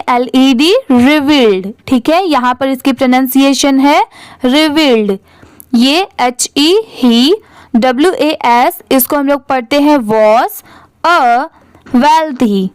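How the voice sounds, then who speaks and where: A woman's voice: high-pitched, dry recording. A woman teacher explaining English reading in Hindi. She spells each word out letter by letter, repeats it patiently and asks the class to say it after her.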